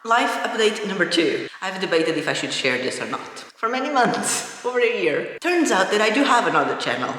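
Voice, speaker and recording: An excitable woman from Portugal, a native Portuguese speaker, chatting casually in a rambling vlog update, with big hall-like echo from an empty house. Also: mid-range voice, brisk, hardly any pauses, a little hiss or hum. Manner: excitable, rambling, self-interrupting. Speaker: vlogger. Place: empty newly built house, indoors. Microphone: microphone with a fuzzy windscreen.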